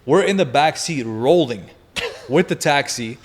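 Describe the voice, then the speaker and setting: A man in his twenties, a podcast guest, telling a wild story in casual chat, energetic and profane, laughing as he goes. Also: mid-range voice, a little slow.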